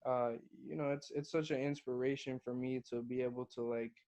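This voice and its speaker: A man's voice: medium pitch, fairly even intonation, a little fast, a little mellow. A young man from Guatemala, a hip-hop artist, talking casually as a podcast guest, swearing freely and calling the host bro. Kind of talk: casual interview chat.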